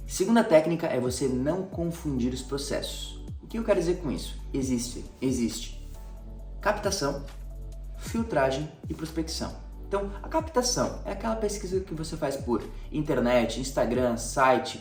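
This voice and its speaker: A man, a sales coach who teaches by listing numbered tips and giving everyday examples. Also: medium pitch. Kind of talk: spoken sales tips to camera. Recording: roomy echo, distant mic, faint music.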